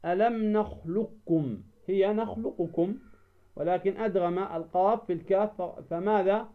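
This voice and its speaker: High-voiced man teaching Quran recitation. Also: phone-quality sound. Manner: slow, drawn-out demonstration of recited words; asks and answers his own questions. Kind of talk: tajweed lesson.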